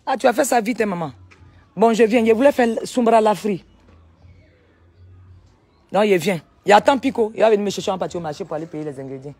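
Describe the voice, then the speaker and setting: A woman, vlogging casually from a sunny village outdoors on a handheld phone, animated and talkative, firing back at critics. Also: medium pitch, a little fast, long pauses, husky. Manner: animated, chatty, retorts to critics. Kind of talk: casual vlog tour.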